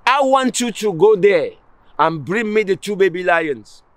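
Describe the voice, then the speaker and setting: A stern, cold-hearted father from a spoken folk tale, as a storyteller puts him on. He speaks in a voice set a little high, giving orders to his young son in a commanding tone. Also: animated, measured pace, fairly bright tone, dry recording.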